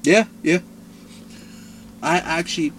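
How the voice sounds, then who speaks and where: A man's voice: fairly high pitch, slow pace, fairly bright tone, a little hiss or hum. A man from Mexico chatting casually, joking and sarcastic, swearing often. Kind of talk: casual profane chat.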